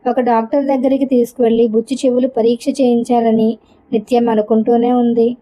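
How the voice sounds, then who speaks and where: A woman reading a novel aloud as narrator, in a steady, expressive storybook style. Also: fairly high pitch, brisk. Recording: dull lo-fi recording.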